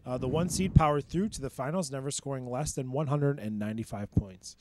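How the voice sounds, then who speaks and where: A young man co-hosting a podcast, reading results with fillers and quick reactions. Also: medium pitch, noisy background. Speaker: co-host. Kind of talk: podcast rankings recap.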